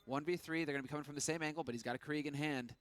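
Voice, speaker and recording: A man's voice: on the high side, fairly even intonation, racing, slight background noise. A man working as an esports caster, giving urgent, running play-by-play commentary on a live match. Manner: running, urgent narration of the action.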